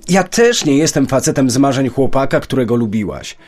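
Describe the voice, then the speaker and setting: A man's voice: medium pitch, expressive, brisk, a little mellow, lightly acted. An actor in a radio play voicing a wealthy, lonely middle-aged businessman who speaks in a dry, reserved way. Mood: confessional. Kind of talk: radio drama acting.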